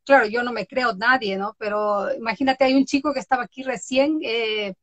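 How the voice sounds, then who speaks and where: High-pitched woman, lively storyteller, interviewer chatting casually, dry close sound. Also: normal speed, no echo. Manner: animated storyteller, acts out quotes with laughs. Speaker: interviewer on social media. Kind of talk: casual conversation.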